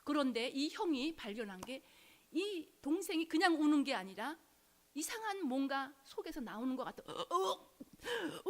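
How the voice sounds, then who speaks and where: A woman preaching, telling a conversion story with dramatic swings into whispers and acted-out quotes. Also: sits high. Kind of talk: sermon storytelling.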